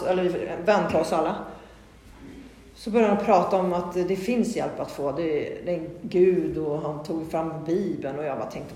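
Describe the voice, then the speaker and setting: A woman giving a candid, earnest personal testimony, rambling with many fillers and restarts. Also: a little mellow. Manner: candid and earnest, with sudden rises in pitch. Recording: very echoey hall with long reverb.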